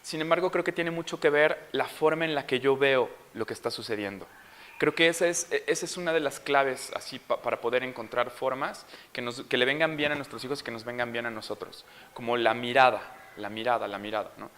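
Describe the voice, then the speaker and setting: A man's voice: medium pitch, a little fast, a little hiss or hum. A young father with a Mexican accent, telling a story at a parents' school session and acting out the scenes. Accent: Mexican Spanish. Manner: animated, acts out scenes. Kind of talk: storytelling talk.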